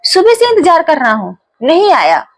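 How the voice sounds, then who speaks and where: A woman's voice: extremely high pitch, wildly swooping pitch, normal speed, exaggerated voice. A woman voicing an old male devotee who complains bitterly about an unanswered wish. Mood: resentful. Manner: complaining, grumbling.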